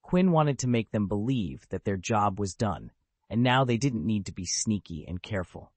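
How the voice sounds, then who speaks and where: A man narrating an audiobook with a steady, literal reading of the text. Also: on the low side, moderate pace, no room sound. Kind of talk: scripted narration.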